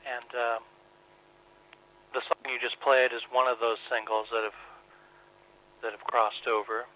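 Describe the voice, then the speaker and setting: A man's voice: flat delivery, a little slow. A man, a musician guest, speaking hesitantly with many fillers over a phone line into a radio interview. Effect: heard over a phone line. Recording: noisy low-quality phone line.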